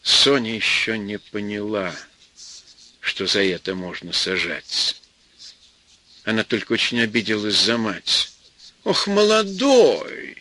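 A man reading an audiobook aloud, telling the story in a lively, expressive way. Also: lowish voice, a little slow, long pauses. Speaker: audiobook reader. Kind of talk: scripted narration.

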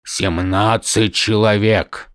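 A man doing a stern old highlord. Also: little pitch movement, slow pace, a bit bright, no echo, studio quality. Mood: scolding. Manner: firm, emphatic, scolding. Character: stern older male highlord, weary and commanding. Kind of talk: audiobook character voice.

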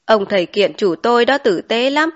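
A woman doing a young man back from the city who drives for a living, relaxed and a little boastful, in a slightly high voice. Heard in a storybook reading on a dull lo-fi recording. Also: moderate pace, close to an everyday voice.

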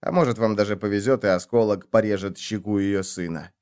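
A man's voice: lowish voice, clear, resonant tone, lightly acted. A man playing a cold, cruel old father. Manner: calm, cold, measured. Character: cold disappointed older father, cruel mentor.

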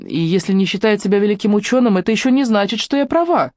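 Narrator doing a calm, soft-spoken woman friend, frank and gentle, dry close sound. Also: mid-range voice, fast, no room sound, voice pushed up, natural voice. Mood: soft reasoning. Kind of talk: audiobook reading.

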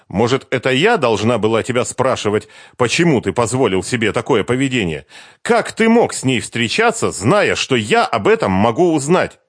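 A man's voice: medium pitch, very animated, normal speed, no room sound, studio quality. A man voicing a hurt, accusing young woman who confronts her former lover with pressing questions.

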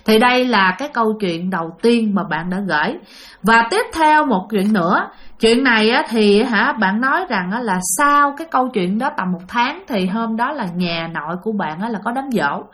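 A woman's voice: a little high, lively intonation, normal speed, a bit bright. Chatty Southern Vietnamese woman storyteller. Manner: chatty, addresses listeners directly, many fillers. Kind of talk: spoken ghost-story narration.

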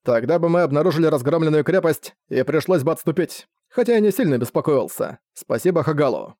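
A cunning young prince, voiced by a male narrator, talks in a casual, wry tone with a fairly high voice. The recording is dry and close-miked. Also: lively intonation, fairly quick, mellow, no room sound, lightly acted.

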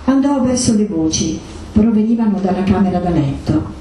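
A woman reads a short story aloud at a book presentation, expressive and shifting into the quoted characters. Her voice is mellow rather than bright. She is heard from some distance, in a hall with heavy echo. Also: mid-range voice, moderate pace, a little hiss or hum. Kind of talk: literary reading. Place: event hall. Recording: echoey hall, voice from far off.

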